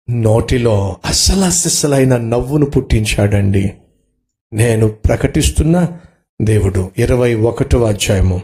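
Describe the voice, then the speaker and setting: A middle-aged man preaching a sermon as pastor, swinging between soft low asides and sudden high exclamations.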